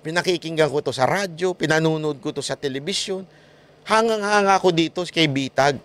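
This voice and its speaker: A man giving casual political commentary as a vlogger, animated and mocking, laughing often between points. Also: on the high side, fairly quick.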